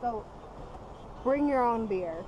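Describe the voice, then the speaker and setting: A young woman on a river fishing trip, talking in a playful, excitable way with plenty of cursing, recorded by an action camera on a boat. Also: on the high side, slow. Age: young adult. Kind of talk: casual chat. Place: small boat on a river outdoors. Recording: very noisy outdoor camera audio.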